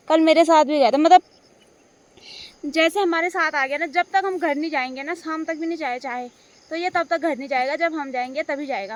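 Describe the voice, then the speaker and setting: A woman's voice: high voice, no room sound. A young woman chatting to viewers in a casual vlog while cutting grass in hill farm fields. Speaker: vlogger.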